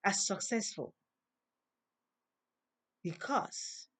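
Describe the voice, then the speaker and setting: A woman with a non-native English accent delivers an inspirational monologue as host. She speaks slowly and deliberately, like a preacher, and her voice rises on the words she wants to stress. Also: medium pitch, expressive, a bit bright. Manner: slow, preaching, emphatic rises.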